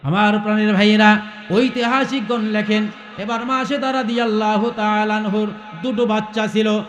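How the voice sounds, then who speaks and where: A man's voice: high voice, fairly even intonation, normal speed, fairly bright tone, echoey room, muffled recording. A male preacher telling a story in a sermon, calling out questions to the crowd and breaking into melodic chanting.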